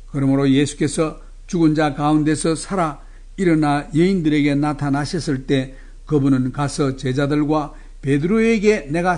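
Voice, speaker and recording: A man preaching a sermon in a measured, earnest way, voicing the quoted lines with feeling. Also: a little high, darkish tone.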